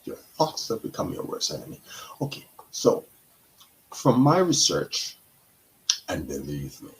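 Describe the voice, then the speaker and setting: A middle-aged man from Guyana, a counselor hosting a talk show, speaking in a slow, deliberate monologue with pauses and self-corrections. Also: medium pitch, wildly swooping pitch, poor audio.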